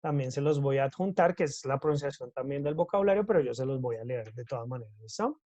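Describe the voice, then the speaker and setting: A man's voice: medium pitch, fast, darkish tone, no room sound. Man teaching English, dry sound. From Colombia. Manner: switches between Spanish and English, checks in with repeated "listo?". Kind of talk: recorded class explanation.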